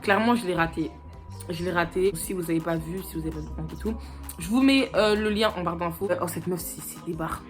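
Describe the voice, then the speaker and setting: A young French vlogger, stuffed up from a cold, talks into her phone camera in loose, rambling chatter full of giggles and small fillers. Her voice is lowish and quick, with light music playing underneath.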